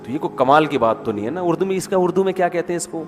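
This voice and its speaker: A man's voice: a little high, expressive. A man giving a sermon in a conversational style, full of rhetorical questions and little impressions of people. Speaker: preacher. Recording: echoey hall with faint music.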